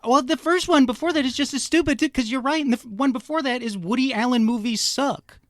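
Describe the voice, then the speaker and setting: A man's voice: very high-pitched, quick pace, no room sound, studio quality. A man hosting a casual comedy podcast, ranting in a sarcastic and profane way. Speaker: podcast host.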